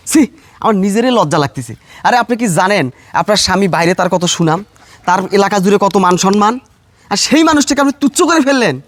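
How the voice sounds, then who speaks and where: Lecturing neighbor man, fast high voice, male cast. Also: no echo. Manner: lecturing, admonishing. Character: neighbor man, scolding peacemaker. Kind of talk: melodramatic family drama acting.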